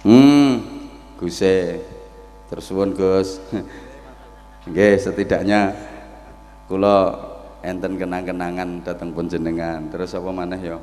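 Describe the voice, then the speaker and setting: A man preaching a joking, lively sermon to a village gathering through a microphone. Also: sits low, takes it slowly, long pauses. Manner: joking, lively storytelling to the crowd. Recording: reverberant PA with faint noise.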